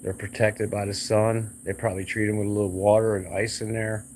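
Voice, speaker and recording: A man's voice: lowish voice, flat delivery, a little fast, darkish tone, slight background noise. A man talking in a blunt, rambling, repetitive way in a casual vlog rant, recorded outdoors by a road. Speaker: realtor vlogger.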